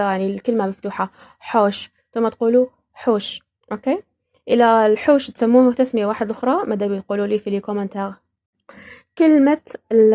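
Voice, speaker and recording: A woman's voice: fairly high pitch, a little mellow. A woman from Iraq hosting a podcast, casually explaining words and laughing often between points. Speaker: podcast host.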